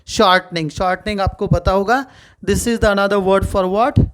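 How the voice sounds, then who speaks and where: A man's voice: sits high, steady tone, extremely slow, fairly bright tone, clean tone. A middle-aged man with an Indian English accent, teaching a video lesson in a mix of Hindi and English and asking himself questions as he explains. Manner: asks rhetorical questions and answers them himself.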